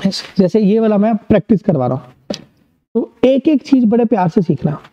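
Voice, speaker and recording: A man's voice: high-pitched, lively intonation, normal speed, dark tone. Male maths tutor, Indian accent, encouraging online-lesson delivery, slightly muffled recording. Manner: upbeat, encouraging, asks and answers his own questions. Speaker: maths teacher.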